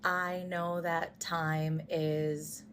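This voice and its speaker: A woman recounting her own wedding day in a slow, measured, composed way in a social media clip. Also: sits low, level tone, fairly bright tone, a little hiss or hum. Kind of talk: heartfelt personal account.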